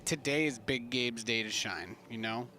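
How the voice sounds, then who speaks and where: A man giving relaxed, joking color commentary on a live esports match. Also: mid-range voice, moderate pace. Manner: laid-back, joking.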